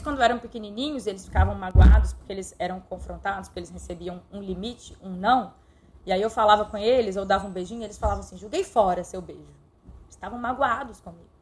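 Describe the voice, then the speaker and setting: A middle-aged woman teaching a live-streamed online lesson, speaking directly and affectionately to her viewers. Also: mid-range voice. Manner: warm direct coaching, addresses viewers affectionately.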